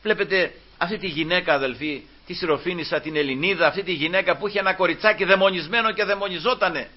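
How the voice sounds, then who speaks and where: A man preaching a sermon with fervor, swinging between hushed asides and loud exclamations and calling out to his listeners as brothers. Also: high voice, husky. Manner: addresses listeners again and again as brothers. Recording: dull lo-fi recording.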